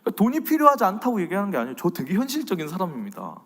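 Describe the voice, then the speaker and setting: A fairly high-voiced man preaches with a lively, swinging delivery, leaning in softly and then rising loud. His voice rings with a long reverb. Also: very fast. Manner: animated, swings between loud and soft. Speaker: pastor. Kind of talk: sermon-style faith lecture.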